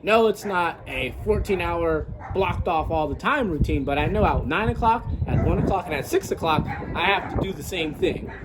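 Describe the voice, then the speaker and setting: A man's voice: on the high side, lively intonation, moderate pace, few pauses, noisy background. A man who works as a coach, thinking aloud in a casual, reflective, rambling vlog monologue outdoors. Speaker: fitness coach and gym owner vlogger.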